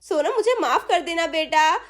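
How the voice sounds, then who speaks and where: A patient, soft-spoken village mother with a very high voice, as a woman puts her on in a doll story. She speaks soothingly and kindly. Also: animated, moderate pace. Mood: gentle.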